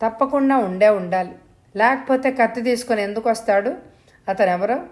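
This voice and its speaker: A woman voicing a concerned grown man in an audio story, asking steady, probing questions. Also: fairly high pitch, normal speed, close to an everyday voice. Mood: reassuring.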